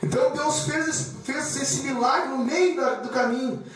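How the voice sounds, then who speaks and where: A man with a very high voice preaches a sermon in a church hall, unhurried, sharing personal testimony in an emotional, repetitive way and addressing the congregation as brothers. Soft music plays behind him, and he's recorded from far off with the hall's echo.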